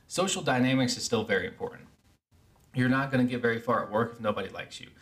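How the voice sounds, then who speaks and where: A man's voice: lowish voice, a bit bright. A man hosting a podcast, giving an earnest, explanatory self-help monologue. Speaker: podcast host.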